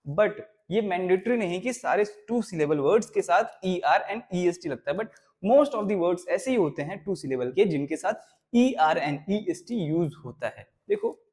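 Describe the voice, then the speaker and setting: A man's voice: sits high, animated, measured pace, a little mellow. A young man teaching a grammar lesson to schoolchildren, explaining step by step and checking in often.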